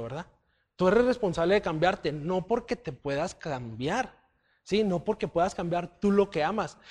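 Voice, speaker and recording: A man's voice: on the high side, a little mellow. A man giving a conversational Bible teaching, often checking in with his listeners. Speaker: church teacher.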